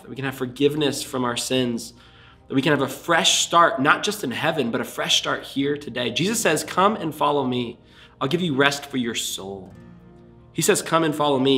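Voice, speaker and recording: In a small indoor room in front of a screen, a young adult pastor preaches to the camera during a livestream sermon and altar call. He sounds earnest, fervent, and a little congested, with a mid-range, fairly bright voice.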